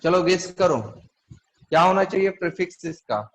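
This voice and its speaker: Guy teaching chem class, kinda high voice, keeps asking students stuff. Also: expressive, measured pace, rough recording. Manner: asks the class questions often. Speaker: chemistry teacher. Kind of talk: classroom lecture.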